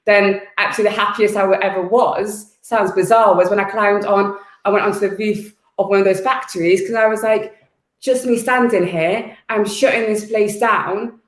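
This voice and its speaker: A woman's voice: medium pitch, fairly even intonation, normal speed, echoey room. A woman activist raised in the UK, talking fervently and bluntly as a guest in an interview, repeating words as she presses her points. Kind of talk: impassioned interview talk.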